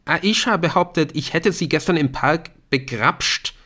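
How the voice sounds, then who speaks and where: A man's voice: a little high, a little slow, pushed and bright, pitched above the performer's own voice. A man voicing a pale, desperate teenage boy who insists he is innocent. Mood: desperate denial. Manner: insistent, defensive. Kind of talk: audiobook character voice.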